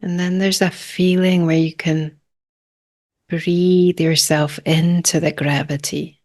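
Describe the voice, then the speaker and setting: A woman guides a meditation calmly and without hurry, using short phrases separated by long pauses. Her voice sits on the lower side.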